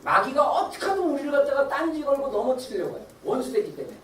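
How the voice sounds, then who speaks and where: Animated pastor in a roomy church. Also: sits high, quick pace, slight background noise. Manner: animated, acts out quoted voices; laughs while preaching. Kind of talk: Sunday sermon. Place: church sanctuary. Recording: roomy echo, distant mic, faint ambience.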